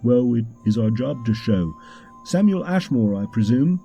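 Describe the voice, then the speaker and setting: A man's voice: medium pitch, animated, a little slow, creaky, mellow, soft background music. A man voicing a dry, unimpressed young male detective's assistant who speaks in a matter-of-fact way.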